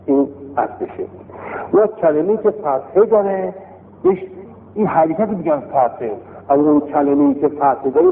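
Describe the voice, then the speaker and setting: A man teaching a classroom lesson on Arabic vowel marks, explaining lively and repeating key terms with rising emphasis. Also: a little high, creaky. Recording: lo-fi phone-like recording in a reverberant hall with faint noise.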